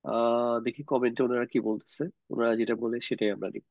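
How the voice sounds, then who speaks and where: A man teaching Arabic grammar in an online class, explaining slowly and quizzing his students, over a computer mic. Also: medium pitch, little pitch movement, creaky, darkish tone, no echo. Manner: explains slowly, poses questions to students, mixes English words. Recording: dull lo-fi sound, dry.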